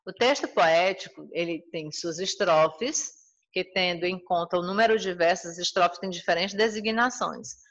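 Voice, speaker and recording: A woman's voice: fairly low pitch, moderate pace, lo-fi sound. A woman with a Brazilian Portuguese accent teaching a recorded school lesson, explaining patiently and restating each point. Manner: explanatory, repeats and rephrases points.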